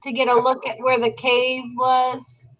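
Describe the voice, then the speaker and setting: A woman player in a tabletop game, talking slowly and soothingly. Her voice is somewhat high and sounds dull and lo-fi over a call. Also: completely flat delivery. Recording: muffled lo-fi call audio.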